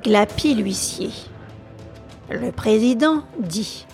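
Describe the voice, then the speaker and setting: Slow, measured woman storyteller. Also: on the high side, lively intonation, darkish tone, soft background music. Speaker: podcast storyteller. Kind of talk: reading a classic novel aloud.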